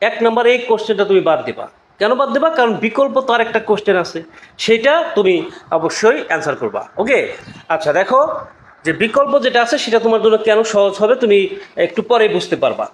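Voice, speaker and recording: A man with a notably high voice gives a casual exam-prep lesson. He repeats each point and keeps checking that his students follow. The room rings with echo, and a faint hiss sits underneath. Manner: chatty, repeats points, asks "okay?" often.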